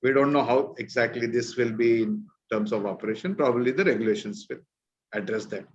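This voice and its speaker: A man's voice: medium pitch, brisk. North Indian man explaining over a dull call. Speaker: discussion leader, presenter. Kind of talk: informal expert explanation in online discussion. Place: virtual meeting call.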